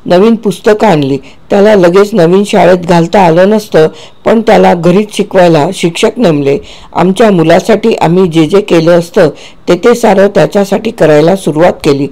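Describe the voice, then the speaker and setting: A man narrating a dark first-person story in a measured, grave way, sometimes correcting himself. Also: high-pitched.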